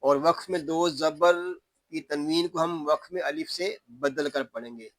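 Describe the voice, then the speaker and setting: A man teaching Quran recitation rules word by word, patiently explaining each rule and chanting the verses in long, drawn-out tones. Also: fairly high pitch, dry recording. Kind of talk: tajweed lesson, word by word.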